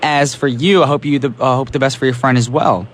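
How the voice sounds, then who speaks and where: Brisk and steady, this mid-range voice belongs to a chatty call-in radio host who keeps saying "awesome" and "alrighty" with plenty of enthusiasm. The studio microphone recording carries a little hiss or hum.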